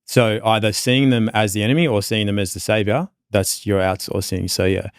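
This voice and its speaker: An Australian man with a fairly low, smooth voice speaks as a podcast guest in casual conversation. He's reflective, thinking aloud in a loose, rambling way with lots of fillers, at a level tone and a slightly fast pace. The recording is close and dry, with no room sound or echo.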